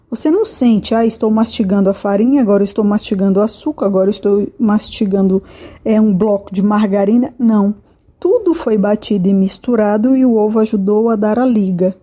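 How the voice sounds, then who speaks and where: Mellow-voiced woman teaching grammar. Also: fairly high pitch. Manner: homely kitchen comparisons, colloquial asides to the student. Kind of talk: grammar lesson.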